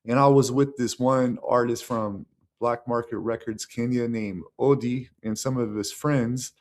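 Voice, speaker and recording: A man's voice: steady tone, measured pace, a little hiss or hum. An American man talking casually to his camera in a rambling way, with many fillers and restarts. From United States. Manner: acts out the voices of others in a raised pitch. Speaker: vlogger.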